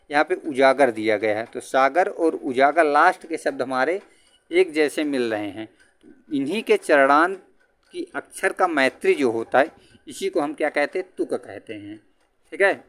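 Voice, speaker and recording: A man teaching an exam-prep grammar lesson. He puts questions to his students and answers them himself, and he chants verse lines slowly. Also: fairly high pitch, a bit bright.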